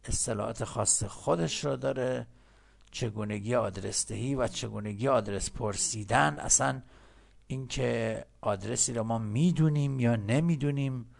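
A man with a Persian accent teaching English in a recorded lesson, slowly repeating words for learners. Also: medium pitch. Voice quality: gravelly.

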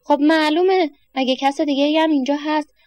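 A woman's voice: high voice, fairly even intonation, a little mellow, no echo, pitched above the performer's own voice, natural voice. A woman doing a kindly man with a walking stick. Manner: questioning, teasing, then encouraging.

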